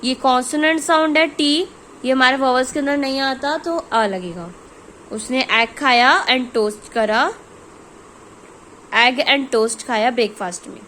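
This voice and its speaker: A young Indian woman teaching a grammar lesson to children, explaining slowly and carefully as she switches between Hindi and English. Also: sits high, fairly bright tone, slight background noise, rough recording.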